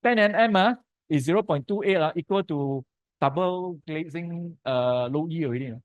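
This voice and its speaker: A man with a Malaysian accent lectures in an informal, colloquial way. His voice sits a little high and is recorded fairly dry. He talks in short, punchy phrases capped with particles. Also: normal speed, no room sound, narrow, tinny audio. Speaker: lecturer presenting to architects.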